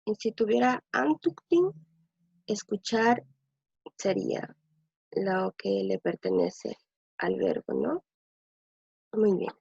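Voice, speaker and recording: A woman speaks slowly and patiently as she teaches a language lesson, pausing to think aloud and repeating words for her listeners. Her voice is husky with a gravelly edge, a little high for a woman. The recording is dull, lo-fi and dry. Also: wildly swooping pitch, darkish tone, dry recording.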